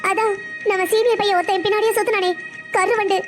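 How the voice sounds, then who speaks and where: A woman's voice: very high-pitched, flat delivery, fast, music in the background. A woman voicing a heartbroken seventeen-year-old girl in a family cartoon, complaining through tears. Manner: tearful, complaining. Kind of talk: cartoon voice acting.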